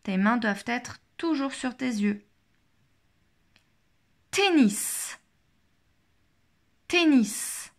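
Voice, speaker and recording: A woman leads a child through a phonics lesson with slow, deliberate speech. She says each word twice, clearly shaping every sound. Her voice sits fairly high. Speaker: teacher.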